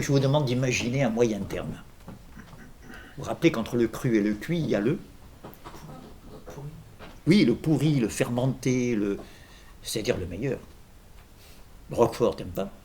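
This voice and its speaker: Animated man giving a philosophy lecture. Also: mid-range voice, moderate pace, long pauses, a little hiss or hum. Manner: digressive, jokes and asks the audience questions. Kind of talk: informal philosophy workshop lecture.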